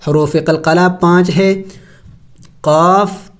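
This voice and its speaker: A man teaching Quran recitation, spelling out letters and vowels slowly, chanting the words drawn out, then explaining the rules in quick asides. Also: on the high side, fairly even intonation. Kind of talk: slow spelled-out tajweed lesson.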